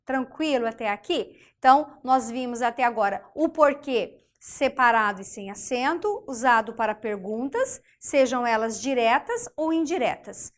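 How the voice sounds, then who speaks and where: A Brazilian woman teaching a grammar lesson in a deliberate way, often checking in with her students. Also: on the high side, lively intonation.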